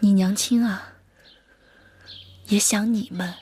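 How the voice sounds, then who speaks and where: An actress playing a gentle, protective palace aunt in a period drama, speaking softly and soothingly. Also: female voice, medium pitch, steady tone, slow, a little hiss or hum, close to an everyday voice. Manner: soft, soothing, coaxing. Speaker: palace aunt caring for a young princess. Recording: drama score under dialogue. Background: background music.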